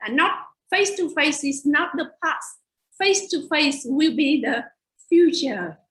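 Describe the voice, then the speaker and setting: She is a native Vietnamese speaker from Vietnam and a teacher educator, earnestly walking through webinar slides on a video call with a Vietnamese accent. Her voice sits high, expressive and fairly bright, a little slow, with reverberant sound.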